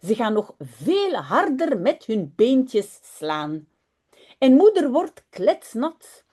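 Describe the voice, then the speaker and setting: A woman language teacher in her home office, reading a children's story aloud and then explaining it in a friendly, animated way into a webcam mic. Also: fairly high pitch, slow pace, husky.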